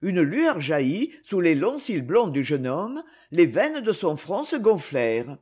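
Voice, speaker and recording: A woman narrating a novel aloud in an expressive storytelling manner. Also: lowish voice, a little slow, husky. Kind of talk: audiobook narration.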